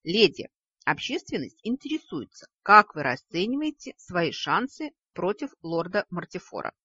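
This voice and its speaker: A woman's voice: fairly low pitch, very animated, moderate pace, bright, forceful tone, slightly rough, no room sound, exaggerated voice. A woman voicing a chubby greedy male creature, indignant, bickering, lo-fi dry sound. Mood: eager. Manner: indignant, squabbling.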